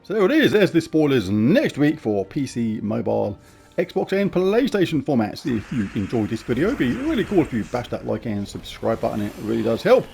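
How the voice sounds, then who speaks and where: A man talks casually through a game preview, his voice gravelly with a lot of rise and fall. He is chatty and informal and gives blunt opinions, while faint music plays behind him. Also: medium pitch, sing-song, a little fast, darkish tone. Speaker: gaming YouTuber.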